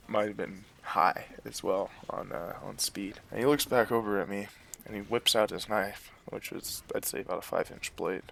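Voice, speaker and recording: A man's voice: on the low side, gravelly. A man casually telling a personal story to his viewers, rambling and profane, full of fillers and restarts, blunt and boastful. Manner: blunt, boastful, chuckles between lines.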